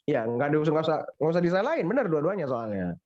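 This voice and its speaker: A man's voice: on the high side, big pitch swings, fast, a little mellow, muffled recording. A man with an Indonesian accent teaching an English pronunciation class, teasing and joking with his students. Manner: playful, teasing, jokey mock-English examples.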